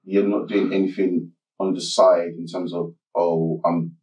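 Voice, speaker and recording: Low voiced interviewer guy, kinda far from the mic, echoey room. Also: level tone, dull audio. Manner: measured, recaps before asking. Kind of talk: interview questions.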